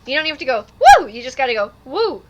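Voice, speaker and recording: A woman's voice: high-pitched, very fast, highs cut off, heavy background noise. A woman co-hosting a casual podcast, playful and jokey, repeating her catchphrases. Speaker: podcast co-host.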